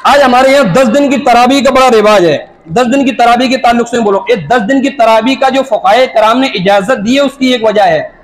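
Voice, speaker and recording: High-pitched man preaching an emphatic sermon. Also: moderate pace, few pauses, rough recording. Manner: emphatic, repeats points for stress. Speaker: Islamic preacher.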